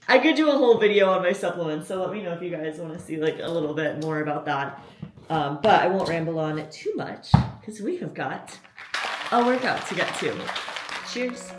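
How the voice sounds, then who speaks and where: A young woman vlogging her day into a handheld camera, chatty and candid, with a slightly low voice for a woman. She talks freely to her viewers, with plenty of fillers and quick asides. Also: background noise. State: out of breath after cardio. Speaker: fitness coach and competitor. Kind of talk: casual vlog talk to camera. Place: gym, then outdoors by a road.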